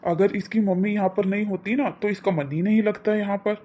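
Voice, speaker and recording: Mellow-toned caring cartoon dad, soft-spoken, woman acting the part. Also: mid-range voice, fairly even intonation, fairly quick, close to an everyday voice. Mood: fond. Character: kindly middle-aged father, gentle and caring.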